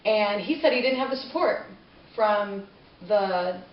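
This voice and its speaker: A woman's voice: medium pitch, animated, a little slow, slight background noise. A woman who is a parent giving a conversational persuasive speech to a class, asking the listeners rhetorical questions. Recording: distant, roomy, dull classroom recording.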